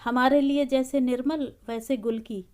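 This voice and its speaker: Woman doing a shrewd mother, grumbling, slow, warm tone, storybook. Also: high voice, steady tone. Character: sly middle-aged mother, shrewd.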